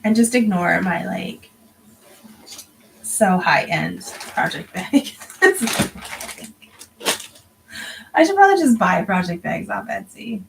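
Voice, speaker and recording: A woman's voice: medium pitch, expressive, slow, vocal fry, pauses often, a bit bright, a little hiss or hum, poor audio. A tired woman in her thirties chatting casually during a crafting livestream, often dropping to a half-whisper as she counts stitches. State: tired, yawning. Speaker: crafting vlogger. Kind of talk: casual chat while stitching.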